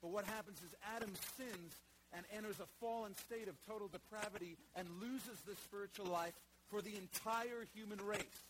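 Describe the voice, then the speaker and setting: Impassioned preacher, fairly high male voice, steady hum. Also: normal speed. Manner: swings from soft, low reflection to loud emphatic repetition. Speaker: pastor. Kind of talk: sermon.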